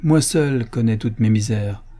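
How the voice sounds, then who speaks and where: A man voicing a stern, sorrowful old Corsican father who speaks gravely and wearily in an audiobook tale. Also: lowish voice, measured pace, warm tone, natural voice. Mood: weary. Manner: grave, weary speech.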